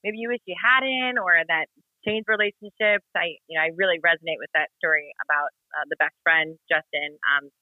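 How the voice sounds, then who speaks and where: Man, panel moderator, high voice, rambling friendly questions, dry phone-like audio. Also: brisk, dry recording. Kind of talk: casual panel chat. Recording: tinny phone-like line.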